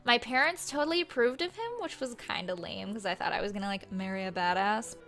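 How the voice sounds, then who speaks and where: Woman voicing a young female ghost, valley-girl slang, flippant comic vlog, mid pitch. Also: a little fast, a bit bright, faint music behind, close to an everyday voice.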